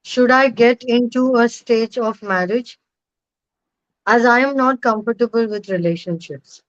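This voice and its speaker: A woman co-hosting, reading viewer questions out slowly and haltingly. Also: a little high, dry recording, highs cut off.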